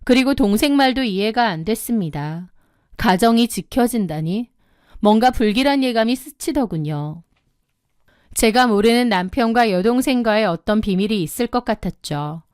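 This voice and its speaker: A woman in her thirties telling a first-person story in a measured, indignant way. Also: fairly high pitch, expressive, darkish tone, smooth, dry recording, studio quality. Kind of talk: scripted first-person narration.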